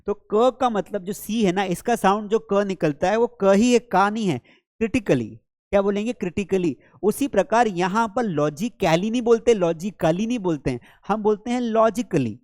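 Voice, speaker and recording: A man's voice: high-pitched, a little fast, hardly any pauses, a little mellow, no room sound. Indian man teaching English, dry sound. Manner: repeats words and quizzes the viewer, calls them "beta". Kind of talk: classroom-style language lesson.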